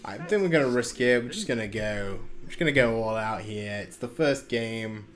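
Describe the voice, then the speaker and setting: A young man hosting a gaming channel chats casually over a card game at home, poking fun at himself and often saying um or starting over. His voice is mid-range and expressive, at a moderate pace. He records on a desk microphone in a home room with soft background music.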